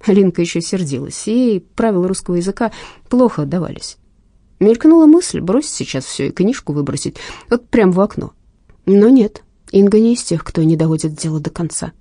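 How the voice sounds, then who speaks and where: A woman narrating an audiobook in a measured, tense storytelling manner. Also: medium pitch, big pitch swings, dark tone, no echo, clean studio sound.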